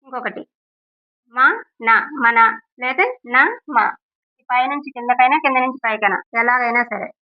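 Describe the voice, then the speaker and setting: A woman teaching children to read, sounding out syllables and two-letter words one at a time in a slow, deliberate lesson. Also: fairly high pitch, fairly even intonation. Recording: tinny phone-like sound.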